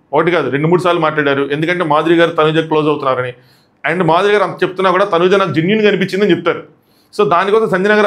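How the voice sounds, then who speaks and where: A man giving live commentary on a reality show, retelling events animatedly and acting out what people said. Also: high-pitched. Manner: rapid animated retelling that acts out quotes.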